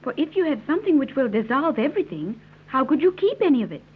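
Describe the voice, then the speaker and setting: In a tinny, narrow-band vintage radio recording, a woman plays a naive, earnest young island woman in an old-time serial. Her voice sits high, swings widely in pitch, and moves fast, yet she speaks formally with careful diction in an earnest, gentle mood.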